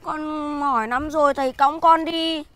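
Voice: high-pitched, fairly even intonation, normal speed, bright, forceful tone. The performer plays a young son with a swollen cheek, whining and pleading with his father. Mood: whiny. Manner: whining and drawn out. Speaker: the master's son. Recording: noisy background.

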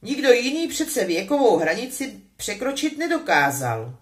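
A woman's voice: a little high, sing-song, voice pushed up. Woman doing Ron, a sulky sarcastic boy.

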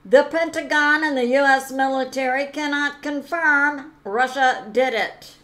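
A woman hosting her own channel, talking through news commentary on her own, pausing often with fillers and correcting herself as she goes. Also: high-pitched, fairly even intonation, fairly bright tone. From United States. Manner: slow, halting, with many "uh" fillers and self-corrections. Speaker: channel host.

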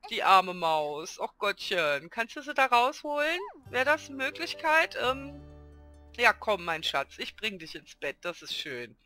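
Bright, lively woman gamer. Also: mid-range voice, unhurried, soft background music. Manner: chatty, excitable, talks to her game characters. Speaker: let's play host. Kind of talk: casual gameplay commentary.

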